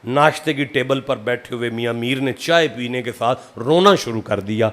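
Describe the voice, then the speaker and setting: A man from Pakistan, preaching a sermon and telling a story that swings from hushed tones to shouting. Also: mid-range voice.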